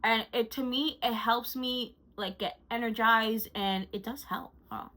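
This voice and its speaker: A woman's voice: on the high side, steady tone, unhurried, sharp tone, rough recording. A woman vlogger chatting casually through a monthly recap, gushing and chatty with frequent fillers. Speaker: lifestyle vlogger.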